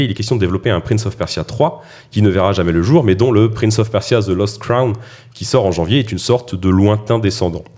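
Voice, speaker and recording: A man hosting a podcast, reading a scripted introduction of his guests in a brisk manner, with self-mocking asides. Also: on the low side, darkish tone. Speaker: podcast host. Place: studio or room around a table.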